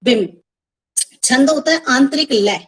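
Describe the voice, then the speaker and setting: A woman's voice: high voice, expressive, measured pace, breathy edge, rough recording. A woman school teacher giving an online Hindi lesson, explaining patiently with repeated examples and English words mixed in. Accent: Indian Hindi.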